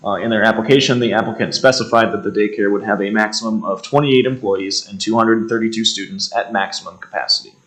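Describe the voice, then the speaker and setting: A man's voice: lowish voice, steady tone, fast talker, hardly any pauses, fairly bright tone, poor audio. An American man formally presenting a staff report, methodically reading out details with frequent hesitations. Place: indoor township meeting room.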